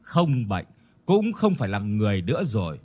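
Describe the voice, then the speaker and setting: A man voicing a calm, wise village healer in a ghost story. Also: on the low side, normal speed, breathy edge, voice pushed down, full character voice.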